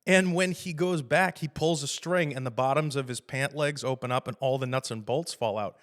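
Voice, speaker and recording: A man hosting a casual podcast about film, talking with loose, rambling energy. He swears freely, gets animated and laughs along with his own stories. His voice sits in an ordinary middle pitch. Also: moderate pace. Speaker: podcast host.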